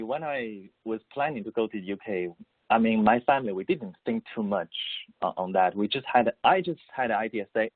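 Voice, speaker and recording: Speaking English with a Mandarin accent, a musician and composer from Beijing, China, answers an interviewer by phone, hesitating and repeating words as he gropes for phrasing. His voice sits on the low side, and the tinny, dry line carries no room sound.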